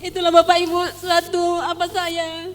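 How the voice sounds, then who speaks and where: A woman's voice: extremely high pitch, monotone, moderate pace, big-room sound. A woman giving a fervent, pleading church testimony, sometimes near tears. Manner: fervent, pleading, at times tearful.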